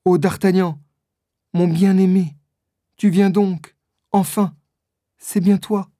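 A frail young woman in love, weak and pleading, as a storybook reader plays her. Her lines come slowly and softly in a mellow tone, recorded close and dry. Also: mid-range voice, fairly even intonation, dry recording, pitched above the performer's own voice, lightly acted. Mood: tender. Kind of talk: storybook reading.

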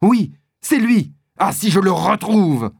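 A man reading a storybook and voicing an eager young male swordsman who blurts out his lines in a high, breathless rush. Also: animated, slow, vocal fry, a little mellow, husky, no room sound, clean studio sound, heavily acted. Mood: excited. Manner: breathless, impulsive.

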